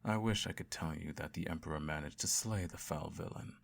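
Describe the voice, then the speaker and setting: Here a man voices a wicked emperor for a bedtime roleplay, speaking very low with a heavy, creaky gravel. His story for a child is solemn, delivered with measured grandeur that feels doting and self-righteous but softly threatening. A slight hiss or hum sits in the background.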